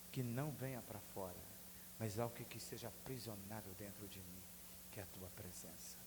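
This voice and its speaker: A man of around fifty with a Brazilian Portuguese accent, a pastor preaching an earnest, testimony-style sermon in a church. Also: medium pitch. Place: church sanctuary. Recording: echoey church hall with faint hum.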